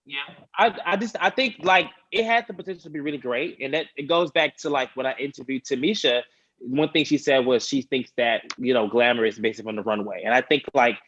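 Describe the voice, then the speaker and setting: A man's voice: medium pitch, a little fast, a bit bright, no echo, lo-fi sound. A man on a recap panel, hedging his opinions with small nervous laughs. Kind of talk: casual recap chat.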